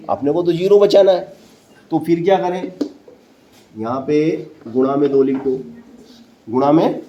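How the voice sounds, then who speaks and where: A man's voice: on the high side, warm tone, lo-fi sound. A man teaching a maths lesson to a classroom of students, repeating each step and quizzing them with questions. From central India.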